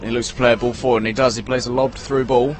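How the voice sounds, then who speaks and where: A man's voice: medium pitch, flat delivery, fast talker, some chatter behind. A man giving live play-by-play commentary at a football ground, chatty and prone to stumbling over player names.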